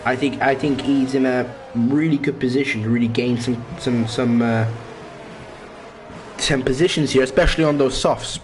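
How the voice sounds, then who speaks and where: A man's voice: medium pitch, fairly even intonation, normal speed. A man calling an online racing league in a loose, chatty way. He trips over names and restarts his sentences, poking fun at his own slips. His voice keeps cracking, and a faint hiss sits under the recording. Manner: rambling, stumbles over words and names, self-mocking. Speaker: race commentator. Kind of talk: casual sim racing commentary.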